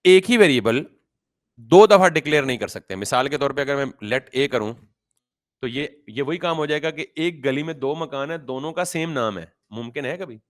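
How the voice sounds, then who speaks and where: A man's voice: medium pitch, lively intonation, normal speed. Man teaching code, quizzing his students. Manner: asks the class questions and answers them himself; explains with everyday examples, mixes in English terms. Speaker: programming teacher. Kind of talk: classroom-style coding lesson.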